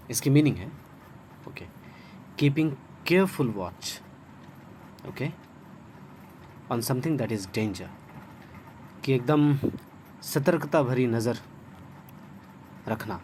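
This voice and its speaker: A man's voice: medium pitch, a little mellow, a little hiss or hum. A man with an Indian accent teaching English vocabulary in an online lesson, spelling words letter by letter and repeating pronunciations patiently. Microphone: phone screen recording.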